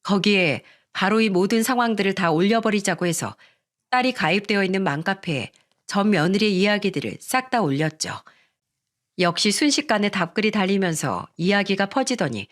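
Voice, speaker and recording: A woman telling a scripted first-person radio story in a steady storytelling way. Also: medium pitch, moderate pace. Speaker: story narrator.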